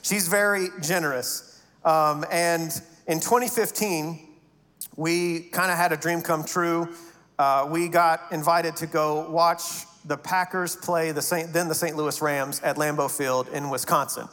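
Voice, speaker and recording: A man's voice: on the high side, steady tone, a little slow, fairly bright tone. A middle-aged male pastor telling a story in his sermon, acting out the voices of the people in it. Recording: reverberant hall.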